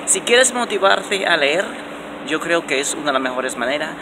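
A man in his forties gives self-help advice in a casual motivational vlog, filmed on a phone held close at arm's length inside an underground transit station with concrete walls. He speaks at a moderate pace, animated and repetitive, restarting often and stressing words with a rising pitch. The phone recording is noisy with station sound.

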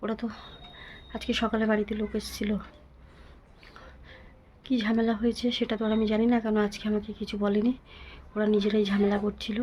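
A woman vlogging from home to her viewers, talking in a weary, pleading, soft way with a sore throat. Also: mid-range voice, completely flat delivery, a little fast, long pauses, slight background noise. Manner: weary, pleading, speaks softly. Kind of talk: casual vlog talk to viewers.

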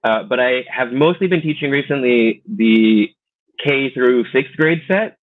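A man in his thirties with an American accent, chatting playfully as a guest on a video call. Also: mid-range voice. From United States. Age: 30s. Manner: chatty, playful, quick asides. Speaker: guest, teacher and clown. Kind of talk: casual video call interview. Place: small room indoors. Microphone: video call webcam. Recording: tinny phone-like video call.

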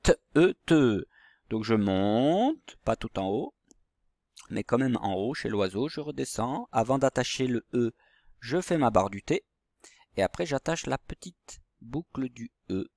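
A man teaching young children handwriting step by step, in a slow, patient way. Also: mid-range voice, animated, vocal fry, a little mellow, no room sound, clean studio sound. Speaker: primary school teacher.

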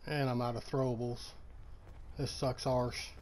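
A man's voice: mid-range voice, flat delivery, a little slow, a little mellow, slight background noise. A man chatting casually while playing a video game, with a profane, grumbling manner. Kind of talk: casual gaming chat.

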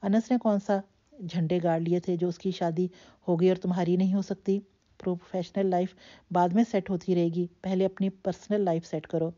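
A woman's voice: lowish voice, little pitch movement, mellow, highs cut off, natural voice. A woman reading the lines of a loving, worried older aunt who treats her nephew as a son, in an earnest, coaxing manner. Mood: fond.

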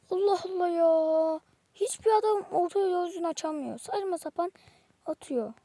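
While playing a football video game, a female gamer with a very high, warm voice gives exasperated live commentary, muttering to herself and snapping at the game.

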